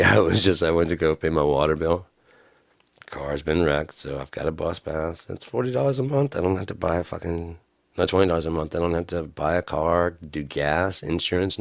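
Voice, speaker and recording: A man's deep, gravelly voice, raggedy from smoking and screaming, carries a casual storytelling monologue as he vlogs a rambling, profane tale. He laughs often, and there's no room sound.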